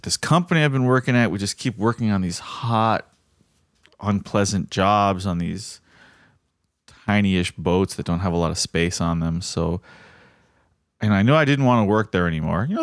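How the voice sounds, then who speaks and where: Casual podcast co-host: man from South Florida, lower voice with a lively, swooping delivery, rambling talk full of fillers, dry close mic. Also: no room sound. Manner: rambling, lots of fillers and restarts. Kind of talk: casual chat.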